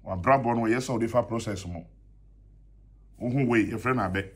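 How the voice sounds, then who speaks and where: A man's voice: mid-range voice, moderate pace, husky. A man in his thirties with a Ghanaian accent, preaching a sermon to a close phone camera from a small indoor room, emphatic and repeating key lines. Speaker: pastor. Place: small brightly painted indoor room, seated at a desk. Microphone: phone camera at close range.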